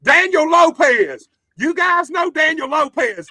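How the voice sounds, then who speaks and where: Very high, bright, cracking Southern man's voice. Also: lively intonation, unhurried, no echo, studio quality. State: voice cracking after flu in the household. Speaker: host of a wrestling interview show. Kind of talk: casual, profane host chat.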